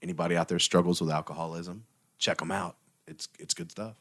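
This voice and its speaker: Joking american dude co-hosting a podcast, low voice, loose chatty banter. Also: male voice, a little fast, fairly bright tone. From United States. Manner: joking, wisecracking. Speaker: podcast co-host. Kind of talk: casual chat.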